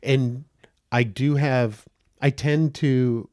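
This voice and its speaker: On a casual podcast chat, a male guest actor tells lively anecdotes in a soft, slightly high, gentle, smooth voice. He's an animated storyteller who laughs quickly and often and acts out the quotes.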